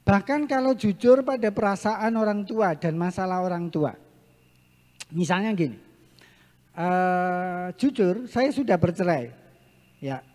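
A man giving a seminar talk on parenting, lively and often acting out what parents and children say. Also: high voice. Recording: echoey hall.

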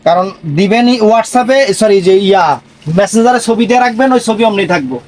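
High-pitched man selling sarees. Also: brisk. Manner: repetitive, emphatic patter. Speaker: online saree seller. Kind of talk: live sales pitch.

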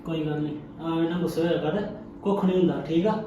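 A man playing a patient, kindly husband and elder brother in a family drama, speaking in a calm, reassuring way. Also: a little high, quick pace, distant mic, lo-fi sound, slight background noise, lightly acted. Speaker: actor in a family web drama. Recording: echoey room, faint music.

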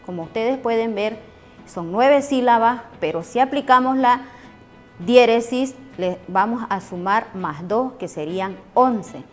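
A woman's voice: fairly high pitch, animated, measured pace, soft background music. A woman teacher explains a lesson, checking in with frequent "¿no?" tags and "eh" fillers. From Bolivia. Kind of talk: recorded lesson.

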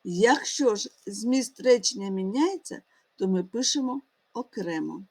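A woman teaching a grammar lesson to schoolchildren, often calling them children and pausing on fillers and restarts. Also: mid-range voice, lively intonation, a little mellow.

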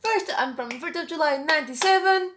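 A young Portuguese woman vlogs casually to camera from a small, bright room at home, speaking in a high, fairly bright voice at a slightly quick pace, full of fillers and restarts. The camera mic sits a few feet away, so the room echoes, and soft music plays behind her.

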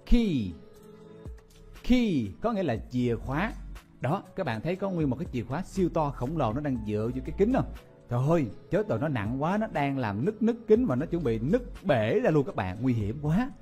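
A man's voice: on the high side, a little mellow. A man teaching vocabulary in a playful, exclaiming way, often repeating each word. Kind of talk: memory-palace vocabulary lesson.

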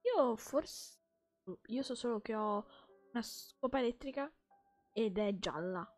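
A young woman with an Italian accent chats casually with viewers while playing. Her voice sits high and she speaks slowly, reading lines aloud and laughing easily, with soft game music faint in the background. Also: animated. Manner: playful, chatty, laughs often, reads game dialogue aloud. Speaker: streamer. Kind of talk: casual live gameplay chat.

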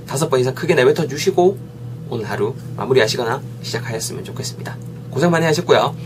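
A man's voice: medium pitch, lively intonation, quick pace, music in the background. A man teaching English in a video lesson, coaxing students and drilling phrases over and over.

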